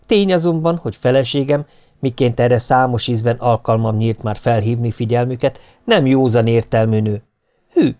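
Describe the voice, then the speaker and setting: A man's voice: medium pitch, mellow. A man narrating an audiobook with dry, ironic storytelling. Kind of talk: scripted narration.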